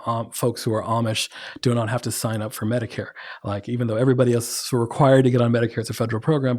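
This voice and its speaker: A man's voice: mid-range voice, a little mellow. A man from Oklahoma explaining at length in a podcast conversation, building to emphatic points.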